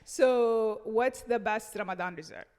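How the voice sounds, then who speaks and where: A woman's voice: fairly high pitch, a little slow, a little mellow, clean tone. A woman hosting a casual chat, often searching for her phrasing as she asks questions. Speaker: host. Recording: echoey room with long reverb.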